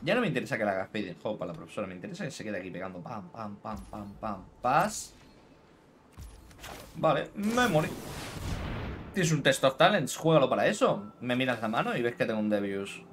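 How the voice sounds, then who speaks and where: A man giving live gameplay commentary as a streamer, animated, taunting his opponent and dropping in English phrases. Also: medium pitch, fast, a little hiss or hum.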